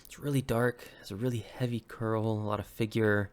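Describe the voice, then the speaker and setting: Still a little under the weather, a Hawaii-born craftsman in his thirties who makes wood pieces and weapons walks through his handmade collection in a low, unhurried, flat voice. Ums and uhs fill the gaps, and he often stops to correct himself, like in a casual home show-and-tell video.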